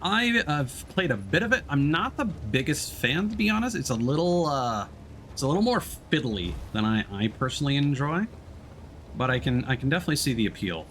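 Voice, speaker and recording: A man livestreams a video game, chatting casually with viewers in friendly stream talk and addressing chat members by name as he plays. His mid-range voice is sing-song and a bit bright, and he talks a little fast. There is slight background noise.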